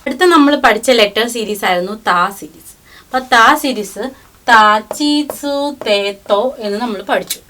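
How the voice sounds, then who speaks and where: A woman giving a language lesson. She teaches patiently, reading each syllable out slowly and repeating it. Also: medium pitch, fairly bright tone.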